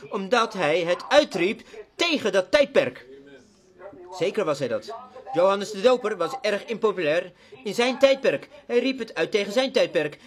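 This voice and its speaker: A man preaching a sermon to a congregation in a church, with a fervent, repetitive cadence. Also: sits high.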